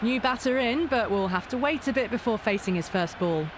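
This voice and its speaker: A man's voice: very high-pitched, expressive, brisk. A man playing an appreciative, analytical cricket commentator in a video game, explaining play in clipped phrases. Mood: observant. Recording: loud crowd noise behind commentary. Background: roaring stadium crowd.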